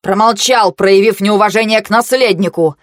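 A woman's voice: mid-range voice, normal speed, no echo, natural voice. Woman reading as an angry cold young guy, short snappy lines, dry audio. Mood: cold anger. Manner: curt, cold, forceful. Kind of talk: audiobook character voice.

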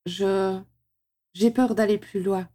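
A woman voicing a fragile young woman who speaks hesitantly and haltingly in an audiobook. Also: medium pitch, fairly even intonation, mellow, close to an everyday voice.

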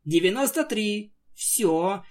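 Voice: mid-range voice, lively intonation, takes it slowly, darkish tone, pitched above the performer's own voice. A reader voicing a fussy, grumpy female unicorn vampire who snaps and huffs, in an amateur fan-story reading. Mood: huffy. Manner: huffy, exasperated, snappish.

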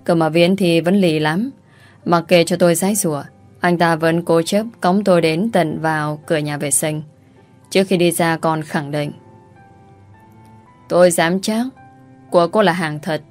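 A woman's voice: low voice, steady tone, moderate pace, darkish tone, faint music behind. Woman narrating a first-person audio story.

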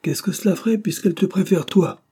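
A man's voice: medium pitch, moderate pace, mellow, slightly rough, pitched above the performer's own voice, natural voice. A man doing bitter, sullen young Yann. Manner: curt, scornful.

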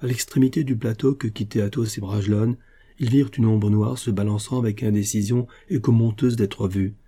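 A man narrating a classic novel as an audiobook in a calm, measured way. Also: lowish voice.

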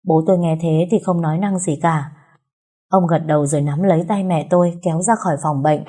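A woman narrating a story in a steady, even reading voice. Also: low-pitched, fairly quick. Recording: roomy echo.

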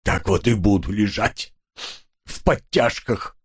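A man voicing a self-pitying, melodramatic husband who whines through his nose in a drawn-out, declaiming way. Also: fairly low pitch, husky, exaggerated voice. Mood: wailing. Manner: drawn-out nasal whining, declaiming in verse. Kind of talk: audiobook character voice.

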